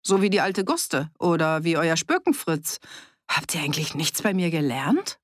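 A woman's voice: deep voice, lively intonation, normal speed, no echo, clean studio sound. A woman voicing an older male village teacher who speaks in a mocking, challenging way.

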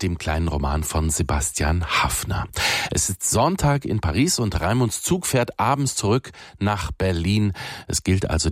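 A man announcing a reading on a radio program in a plain, even way. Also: low-pitched, dry recording, studio quality.

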